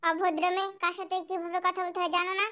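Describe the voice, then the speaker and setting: A woman's voice: very high-pitched, level tone, racing, noisy background. A woman voicing a stern, easily offended grey-haired father who scolds pompously, in an amateur comic dub. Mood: scolding.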